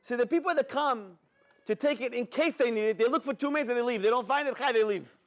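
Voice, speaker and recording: A man giving a sermon as a rabbi, an animated storyteller who talks straight to his audience. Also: extremely high pitch, quick pace. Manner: animated storyteller, acts out dialogue, addresses audience directly.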